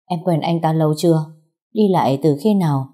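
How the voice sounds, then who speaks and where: A woman's voice: deep voice, a little fast, mellow. A woman voicing a worried but firm older sister who shields her younger sibling.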